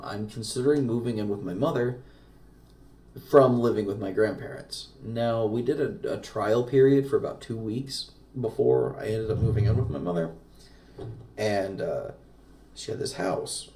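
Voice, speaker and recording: A man casually telling a long personal story, swearing often and rambling in a low-key way. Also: lively intonation, measured pace, vocal fry, dark tone. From Arkansas. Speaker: podcast host telling a story. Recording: echoey room, far from mic.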